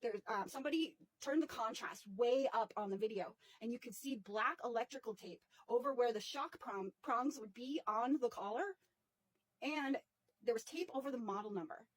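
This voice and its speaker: A woman's voice: on the high side, normal speed, breathy edge, poor audio. A woman hosting a casual commentary vlog, chatty and indignant, with many fillers and restarts. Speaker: commentary channel host.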